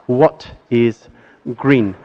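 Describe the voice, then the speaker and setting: A man giving a careful, deliberate presentation at a workshop, speaking slowly for interpreters, with frequent pauses and fillers. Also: mid-range voice, highs cut off. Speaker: conference presenter. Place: workshop conference hall.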